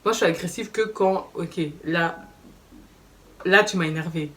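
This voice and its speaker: A woman's voice: lowish voice, unhurried. Slangy young woman telling a storytime vlog. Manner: animated, slangy, acts out quoted dialogue. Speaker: vlogger. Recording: slightly distant mic with faint background noise.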